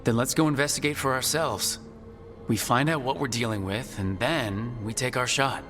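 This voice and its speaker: A man voicing a composed, resolute mage leader in a video game, speaking in a measured, serious way. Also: medium pitch, close to an everyday voice. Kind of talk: video game dialogue acting. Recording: long reverb, game music behind.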